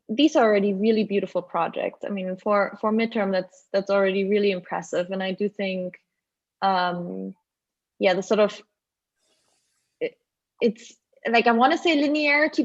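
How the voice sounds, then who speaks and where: A woman with a German accent giving a halting, filler-heavy critique of student projects over a video call. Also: mid-range voice, lo-fi sound. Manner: hesitant, many restarts and fillers. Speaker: guest critic. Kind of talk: online design review critique.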